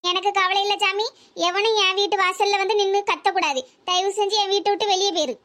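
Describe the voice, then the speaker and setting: A woman voicing a stern, sharp-tongued middle-aged village mother in a cartoon drama. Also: extremely high pitch, fairly even intonation. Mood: scolding. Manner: scolding, rapid-fire rebukes.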